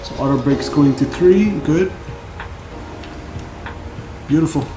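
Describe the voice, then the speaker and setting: A man's voice: on the high side, takes it slowly, echoey room, over music, rough recording. A man giving casual running commentary as a flight sim streamer, thinking aloud and reading out figures. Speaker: flight simulator live streamer.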